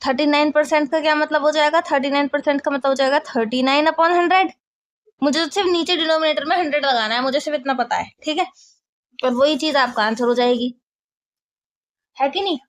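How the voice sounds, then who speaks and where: Lady maths teacher with a high voice, walks through each step, keeps asking "got it?". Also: fairly even intonation, brisk. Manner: explains step by step, often checks for understanding. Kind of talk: classroom maths lesson.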